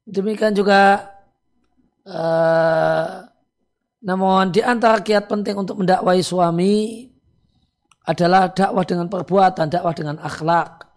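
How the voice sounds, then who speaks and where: A man, an Islamic cleric, giving calm religious advice to listeners, with many "eh" and "ya" fillers. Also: sits high, unhurried, long pauses.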